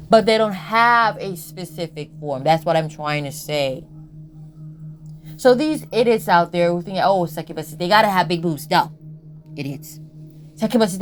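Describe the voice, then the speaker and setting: A woman's voice: fairly low pitch, slight background noise. A woman giving a blunt, emphatic spiritual commentary, swearing freely and often checking in with "Okay?". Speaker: tarot and astrology content creator. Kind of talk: casual spiritual commentary monologue.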